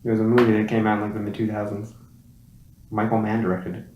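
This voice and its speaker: A man's voice: fairly low pitch, completely flat delivery, quick pace, highs cut off. A man co-hosting a casual movie chat, dry and offhand, often trailing off into mumbles. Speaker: podcast co-host. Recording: echoey room with faint noise.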